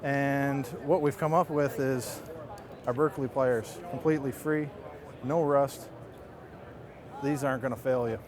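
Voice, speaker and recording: Man pitching gear amid crowd din. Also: fairly even intonation, measured pace, long pauses. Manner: explanatory, conversational sales pitch. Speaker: marketing manager demonstrating products. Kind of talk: casual product demonstration. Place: trade show booth. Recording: busy trade show crowd behind.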